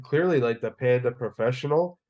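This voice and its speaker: An excitable man with a mid-range voice, chatting with friends, swearing and laughing freely. He talks in quick bursts. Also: mid-range voice, muffled recording. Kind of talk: casual chat.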